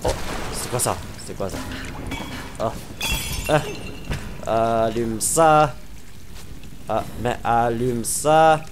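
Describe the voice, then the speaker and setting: A man's voice: medium pitch, very slow, long pauses, music in the background. A man with a Québécois French accent giving let's-play commentary, exclaiming, joking and humming to himself as he plays. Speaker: gamer commentator.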